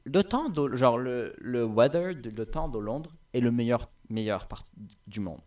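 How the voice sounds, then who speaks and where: Lively French-speaking man, chatty podcast host. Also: mid-range voice, measured pace. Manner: animated, mixes English slang into French, laughs often. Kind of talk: casual chat. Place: studio.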